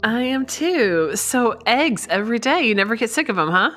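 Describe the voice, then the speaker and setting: A woman's voice: fairly high pitch, sing-song, normal speed, a bit bright, soft background music. A woman co-hosting a podcast, interviewing a guest in a friendly, curious way and laughing along. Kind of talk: casual interview.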